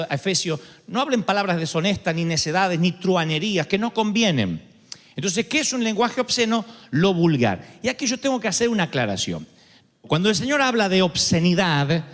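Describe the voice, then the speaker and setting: A male pastor with a Rioplatense accent preaches with ironic humor and lively storytelling. His voice sits high for a man and leaps up and down through each phrase. A long reverb from a large church auditorium follows his words. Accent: Rioplatense Spanish. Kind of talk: sermon.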